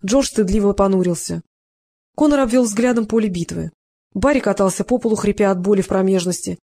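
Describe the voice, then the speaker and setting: A narrator reading an action story aloud in an even, measured way. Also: medium pitch. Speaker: audiobook narrator. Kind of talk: scripted audiobook narration.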